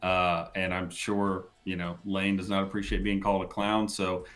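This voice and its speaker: Easygoing low-voiced man on a podcast. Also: little pitch movement, normal speed, a bit bright. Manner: easygoing, chuckles between points, restarts phrases. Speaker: podcast guest, college football writer. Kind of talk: casual sports podcast chat.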